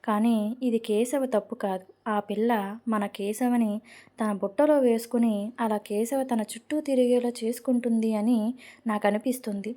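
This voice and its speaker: A woman reading an anxious mother in a storybook drama, urging a quick wedding. The voice is soft-toned and somewhat high. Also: steady tone, close to an everyday voice. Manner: anxious, urgent. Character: fearful mother pushing her daughter's marriage.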